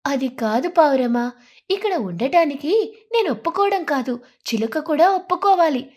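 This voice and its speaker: A woman doing a gentle, fair-minded sparrow. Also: high-pitched, animated, normal speed. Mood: earnest. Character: female sparrow, kind, fair-minded homeowner.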